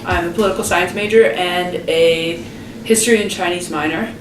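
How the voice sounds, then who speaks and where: A woman's voice: fairly low pitch, fairly even intonation, normal speed, music in the background. A young woman, a college student athlete, casually recounting her experience in an interview. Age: young adult. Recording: roomy, distant, noisy.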